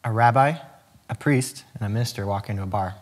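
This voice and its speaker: A man's voice: lowish voice, quick pace. A middle-aged man telling clean jokes in a casual, folksy storytelling way, acting out bits of dialogue. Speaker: contestant in a joke-telling challenge. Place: indoor studio set.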